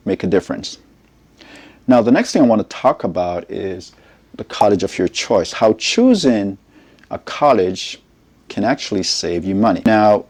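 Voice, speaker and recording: A middle-aged man speaks in a low, gravelly, mellow voice. He talks in a measured, explanatory way, often checking in with his listeners as he gives advice. He sounds like a seasoned college educator talking straight to camera. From Jamaica. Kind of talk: informational advice talk to camera.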